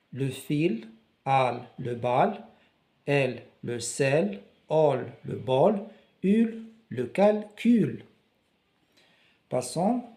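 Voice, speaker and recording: A man teaching French reading, saying syllables and words slowly and repeating them so learners can copy the sounds. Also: on the high side, warm tone. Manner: slow, deliberate, repeats words to model pronunciation. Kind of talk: slow syllable-by-syllable reading lesson.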